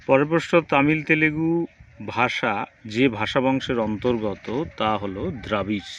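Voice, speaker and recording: A male teacher running through exam questions, reading each question and then giving its answer in a steady drilling rhythm. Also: medium pitch, normal speed. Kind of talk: exam quiz review lesson. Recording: dull lo-fi recording, faint background noise.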